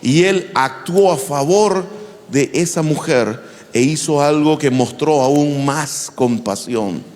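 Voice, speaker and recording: A male pastor preaching a sermon in an animated way, often asking the congregation questions. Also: fairly high pitch, slow. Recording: long hall reverb.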